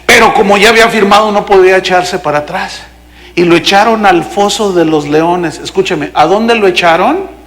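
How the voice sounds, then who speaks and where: A man's voice: sits high, normal speed, fairly bright tone. A man preaching a sermon, telling stories dramatically and acting out the characters. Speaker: pastor. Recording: long hall reverb.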